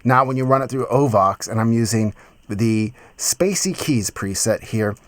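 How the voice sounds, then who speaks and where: Recorded dry, this medium-pitched male voice takes its time. The speaker, a man in his thirties, gives an enthusiastic, informal, slangy tutorial on music production for a casual instructional video, using a close studio mic with a pop filter in a small home studio.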